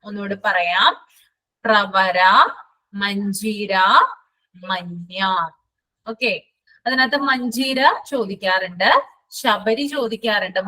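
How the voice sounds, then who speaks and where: A woman teacher, running a live online class and repeating lists slowly so students can write them down. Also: mid-range voice, bright, forceful tone, rough recording.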